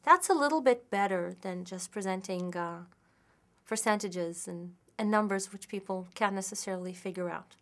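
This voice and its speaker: A woman lecturer in marketing giving an expert explanation, measured and methodical, building her points with examples and sometimes correcting herself mid-sentence. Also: medium pitch, a bit bright. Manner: occasional restarts and self-corrections.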